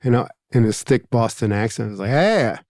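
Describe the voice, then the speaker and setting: A man's voice: fairly low pitch, flat delivery, fast, dark tone, no echo. Reflective Philadelphia man, dry sound. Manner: reflective, rambling, many asides and fillers. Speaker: podcast host. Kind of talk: casual conversation.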